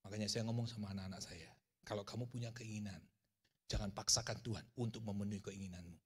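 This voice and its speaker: A middle-aged man preaching a sermon to a congregation, telling animated stories and sometimes raising his voice sharply. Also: fairly low pitch, fast, husky, big-room sound. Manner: animated storytelling, shouting in acted quotes. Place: church.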